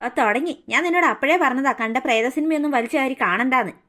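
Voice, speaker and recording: A woman's voice: sits high, fast talker, pushed and bright. A woman voicing a headstrong young man in a cartoon, brusque and impatient.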